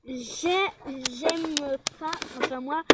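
A woman improvises a toy-figure role-play, talking in a rambling, hesitant way. Her voice sits high. There is clear noise behind her on this home recording. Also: very slow.

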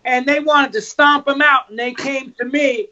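A man's voice: extremely high pitch, steady tone, moderate pace, sharp tone. A man with a New York accent telling rowdy tour stories in casual chat, swearing often and acting out the people he quotes. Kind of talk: casual storytelling. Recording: muffled lo-fi audio.

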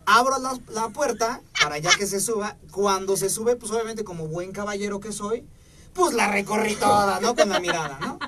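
A man's voice: high-pitched, normal speed, recorded from a distance, very noisy. A man with a Mexican Spanish accent, a guest telling a story in a casual interview with jokes and slang. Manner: joking, slangy, acts out his own past lines.

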